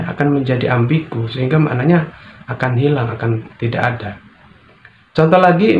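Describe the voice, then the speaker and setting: A man giving a recorded grammar lesson, deliberate and repetitive, with occasional fillers. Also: mid-range voice, slight background noise. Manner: deliberate, repeats key phrases, occasional fillers. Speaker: grammar teacher. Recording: echoey room, dull lo-fi sound.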